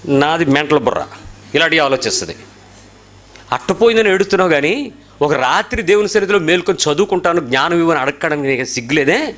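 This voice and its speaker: Speaking fast with lively intonation, a Telugu-accented man preaches, throwing out rhetorical questions and shifting from loud bursts to low asides.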